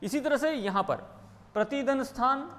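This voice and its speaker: A man with a Rajasthani accent teaches grammar in a high voice. He walks through each rule step by step, posing questions and answering them himself. His voice carries a long, reverberant echo. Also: animated, normal speed, fairly bright tone. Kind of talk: Hindi grammar lesson.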